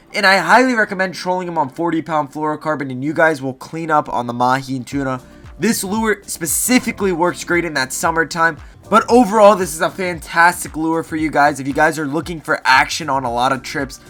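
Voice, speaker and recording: A man's voice: fairly high pitch, a bit bright. A man presenting a top ten countdown review to viewers in a casual, emphatic way, stressing and repeating key phrases. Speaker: host of a fishing gear review video. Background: music.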